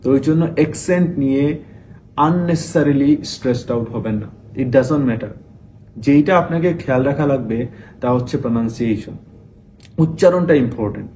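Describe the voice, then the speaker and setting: A man's voice: medium pitch, expressive, moderate pace, dark tone, a little hiss or hum. A young man teaching IELTS speaking tips, explaining in Bengali mixed with English and repeating key points. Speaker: IELTS tutor. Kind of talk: tips video lesson.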